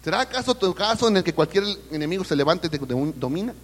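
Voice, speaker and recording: In a large hall, a Mexican man preaches fast and expressively, his voice sitting high and shaped by a Mexican Spanish accent. He calls the people at the church service brother and directs questions at the congregation.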